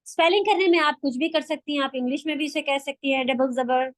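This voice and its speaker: A woman's voice: sits high, fast, no room sound. A woman teaching an online recitation class, patiently explaining step by step and sounding out letters for her students. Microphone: video call.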